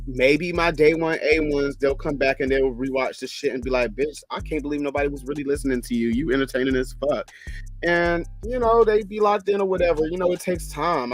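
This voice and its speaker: A young man in his twenties chatting straight to his audience, rambling from thought to thought and cussing freely. His voice sits at an ordinary middle pitch. Faint music plays somewhere behind him. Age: 20s. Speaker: vlogger. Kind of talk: casual chat to camera.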